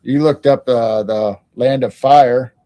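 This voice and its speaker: A man hosting a casual live stream, thinking aloud in halting starts while studying something on his monitor. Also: mid-range voice, steady tone, mellow. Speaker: stream host.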